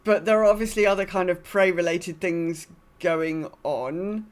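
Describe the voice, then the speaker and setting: With a lowish voice and a measured pace, a podcast co-host chats casually about an online game, recapping her play in a low-key, conversational way.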